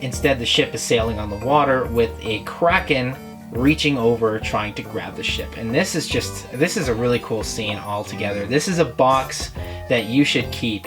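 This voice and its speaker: A man hosting a casual toy review, talking in a chatty, rambling, self-deprecating way. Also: mid-range voice.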